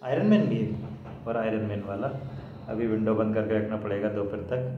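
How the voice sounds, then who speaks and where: A man's voice: lowish voice, normal speed, lo-fi sound. Chatty dad filming on his phone. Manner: chatty, keeps addressing viewers as guys. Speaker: vlogger father. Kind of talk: casual family vlog. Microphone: handheld phone camera. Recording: echoey room with faint background noise.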